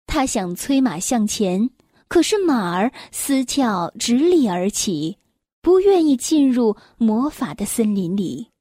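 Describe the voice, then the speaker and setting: A woman reading a children's story aloud as narrator, in a gentle, expressive manner. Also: on the high side, takes it slowly, no room sound, clean studio sound.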